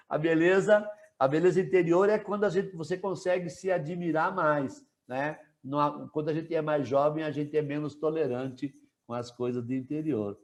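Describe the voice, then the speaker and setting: A man teaching a live online class, relaxed and chatty, asking students questions and joking with them. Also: fairly high pitch, normal speed.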